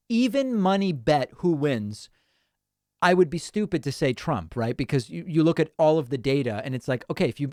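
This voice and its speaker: On a close mic with no room sound, a man with a fairly high, slightly mellow voice hosts a casual livestream. Reading out viewer comments, he's chatty and thinks aloud, with restarts and small laughs.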